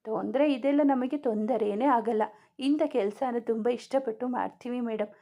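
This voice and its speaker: A woman's voice: a little high, moderate pace, mellow. A woman voicing a young husband in a storybook romance, who teases his wife affectionately and turns firm when he scolds. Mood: playful tender. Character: young husband, teasing and protective.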